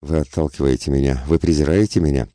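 A man's voice: very deep voice, steady tone, fast, mellow, no echo, clean studio sound. A man voicing a passionate, desperate society woman who pleads for love in an intense, angry half-whisper. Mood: furious pleading.

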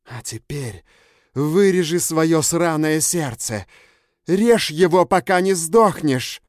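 A man's voice: mid-range voice, big pitch swings, normal speed, darkish tone, dry recording, clean studio sound, pitched above the performer's own voice, lightly acted. A man voicing a vengeful, cruel, commanding woman who gloats and gives orders. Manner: menacing, domineering orders.

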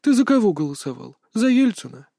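A man's voice: sits high, sing-song, a little fast, gravelly, mellow, no room sound, studio quality, pitched above the performer's own voice, full character voice. A man voicing a sly, cackling old male sorcerer who talks in a folksy, mock-tender, chatty way. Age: older.

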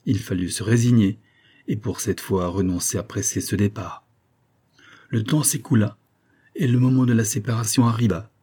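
A man narrating a classic novel as an audiobook in a measured storytelling manner. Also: lowish voice, mellow, breathy edge. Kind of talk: audiobook reading.

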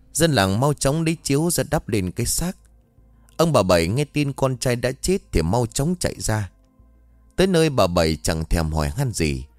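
A male storyteller reads a scripted ghost story in a lowish voice whose pitch swings lively and expressively. The sound is close and dry, with faint music underneath. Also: no echo.

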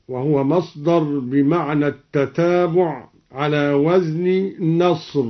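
A man explaining variant Quran readings and then demonstrating each one in drawn-out, melodic recitation, from an archive radio recording. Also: a little high, dull audio.

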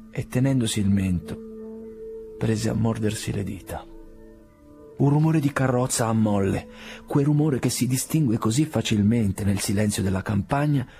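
A male reader giving a measured, theatrical audiobook reading of a classic novel. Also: fairly low pitch, gravelly, mellow.

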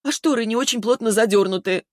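A man reading an audiobook, voicing a tearful young woman who wails and sobs in a high voice. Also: lively intonation, rapid-fire, a little mellow, dry recording, clean studio sound, close to an everyday voice. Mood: anxious. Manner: high, wailing and breathless. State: sobbing. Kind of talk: audiobook character voice.

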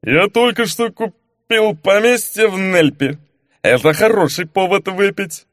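A man voicing a boisterous drunk nobleman who drags out his words slowly. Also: high-pitched, fairly bright tone, dry recording, clean studio sound, pitched above the performer's own voice. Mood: pushy drunken cheer. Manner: slow, drawn-out drunken speech.

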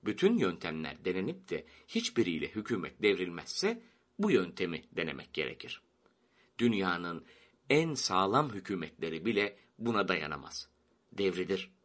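Male audiobook narrator for a satirical story, low, husky, lively. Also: moderate pace.

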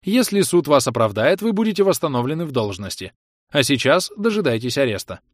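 A man voicing a cold, emotionless computer that governs a colony, speaking in flat commanding tones. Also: mid-range voice, fairly quick, dry recording, studio quality, pitched above the performer's own voice.

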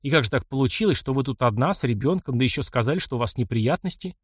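A man's voice: mid-range voice, lively intonation, quick pace, husky, no echo, clean studio sound. A man doing a blunt young engineer. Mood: surprised. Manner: blunt, plain-spoken. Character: young male engineer, blunt, kind, gruff. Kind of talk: audiobook character voice.

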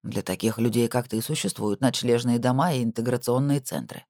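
A man's voice: mid-range voice, fairly quick, a little mellow, no room sound, close to an everyday voice. A smug, wealthy middle-aged man who left crime behind brushes off every question with mockery, as a male narrator plays him in an audiobook. The sound is dry and close. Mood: dismissive.

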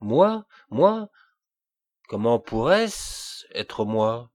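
A man's voice: medium pitch, moderate pace, husky. A man voicing a drunk, bewildered dwarf jester answering his king. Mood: dazed. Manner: bewildered, hesitant.

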